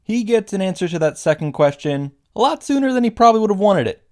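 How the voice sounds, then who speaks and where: Talking fast and very animated in a high voice, a male host gives a sarcastic, foul-mouthed rundown of a visual novel, reading its lines aloud as he comments.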